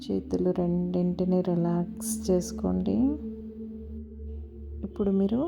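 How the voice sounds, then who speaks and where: Slow, soothing woman guiding meditation. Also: on the low side, level tone, creaky. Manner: slow, soft and soothing, with long pauses. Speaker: meditation guide. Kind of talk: guided body-scan meditation. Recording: slightly dull audio with music behind. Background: soft music and a singing bowl.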